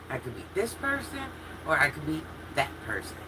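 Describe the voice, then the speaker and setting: Fifties lady livestreaming, answering chat, candid and chatty, laughs a lot, ac hum underneath. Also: sits low. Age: 50s. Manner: chatty and candid, talks straight to chat with frequent laughs and restarts. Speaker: livestream host reading viewer comments. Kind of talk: casual chat.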